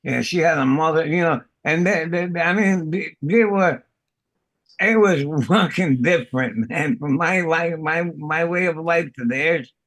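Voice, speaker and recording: A man's voice: on the high side, measured pace, a bit bright, no echo. A middle-aged man from the Bronx, a podcast host swearing and laughing through casual stories. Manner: profane, laughing storyteller. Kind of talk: casual chat.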